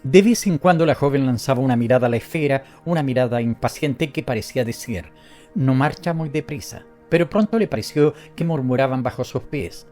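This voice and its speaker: A man narrating a story as an audiobook reader, in a steady, measured way. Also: medium pitch, soft background music.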